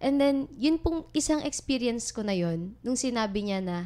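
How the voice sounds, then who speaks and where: A woman's voice: on the high side, expressive, moderate pace, mellow. Polite, hesitant young Filipina woman. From Philippines. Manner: polite, hesitant, mixes in English. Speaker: guest sharing testimony. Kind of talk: casual faith sharing.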